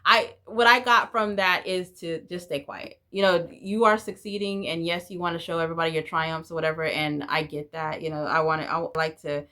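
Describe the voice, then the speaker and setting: This vlogger is a Spanish-speaking woman in her forties, rambling casually to the camera. She sounds low, bright and forceful, keeping a steady tone and a brisk pace with few pauses.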